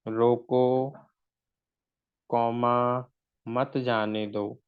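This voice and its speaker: A man's voice: medium pitch, smooth. A man gives a shorthand lesson in a mid-range voice. He asks a question and answers it himself, slipping English terms into his explanations. The recording sounds a little dull and lo-fi. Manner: mixes in English words. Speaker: shorthand teacher.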